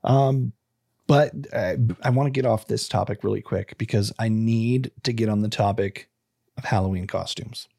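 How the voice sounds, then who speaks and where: A man with a gravelly voice, speaking as co-host of a true crime podcast. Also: fairly low pitch, normal speed, warm tone, dry recording, studio quality. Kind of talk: casual chat with scripted intro narration.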